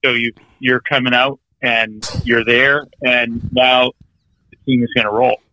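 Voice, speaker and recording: Man, bright tone, casual chat, confident, dull remote call audio. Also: medium pitch, level tone, a little slow, a little hiss or hum. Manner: confident, explains slang plainly. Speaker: guest caller.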